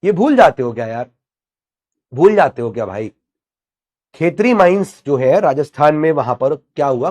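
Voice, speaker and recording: A man's voice: a little high, a little mellow. A man teaching an online exam-prep history class in a chatty way, asking and answering his own questions and mixing in English terms. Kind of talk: online lecture.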